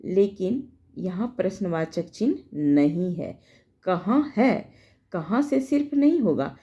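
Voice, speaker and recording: A woman teacher explaining a grammar lesson, slowly going through quiz questions and repeating her points. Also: lowish voice, gravelly, dark tone, dull audio.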